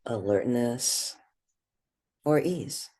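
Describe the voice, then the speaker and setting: Leading a guided meditation, a woman speaks in a husky, extremely low voice that is still animated. Her delivery is very slow and gentle, with short phrases separated by long pauses.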